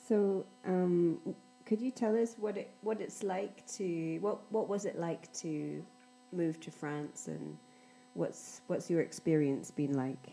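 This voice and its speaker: A woman hosts a podcast in a conversational interviewing style. Her voice is soft-edged and dark in tone, set a little low. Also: slow pace, gravelly, a little hiss or hum, low-quality recording. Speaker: podcast host and English tutor.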